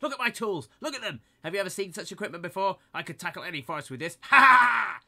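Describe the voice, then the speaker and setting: A man voicing a small, angry, boastful woodsman who screams and shouts. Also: high-pitched, animated, fast talker, vocal fry, pitched above the performer's own voice, heavily acted.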